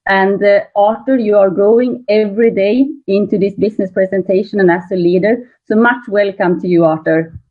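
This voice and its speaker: A woman speaks in a measured, explanatory way during an online business presentation. Her voice is mid-pitched. It comes through thin and narrow, like a phone line. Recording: tinny phone-like call audio.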